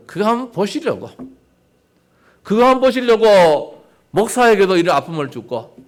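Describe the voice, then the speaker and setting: Older pastor preaching, lively pitch. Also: male voice. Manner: conversational preaching with rhetorical questions to the congregation. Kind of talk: sermon.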